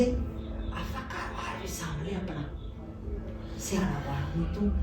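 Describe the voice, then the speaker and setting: A woman playing a shrill scolding mother-in-law. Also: natural voice. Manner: shrill, cursing. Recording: echoey room, distant mic, faint music.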